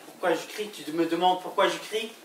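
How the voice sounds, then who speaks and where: An actor playing a suspicious, jealous husband in a stage play, asking slow, pointed, accusing questions. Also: male voice, sits high, lightly acted. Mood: tense, accusing. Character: suspicious jealous husband, middle-aged man. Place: theater stage. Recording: roomy, distant stage recording with faint hiss.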